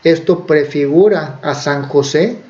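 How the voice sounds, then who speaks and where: A man's voice: on the high side, a little slow, a little mellow. A man preaching, who retells a Bible story in a conversational way with fillers and self-corrections. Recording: dull lo-fi recording.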